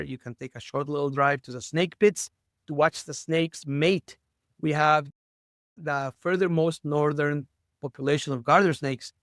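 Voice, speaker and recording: A man's voice: fairly high pitch, fairly bright tone, no echo, clean studio sound. A middle-aged man born in Lebanon, a school superintendent chatting cheerfully as a guest over a video call, with light jokes. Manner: cheerful and joking. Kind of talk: casual interview chat.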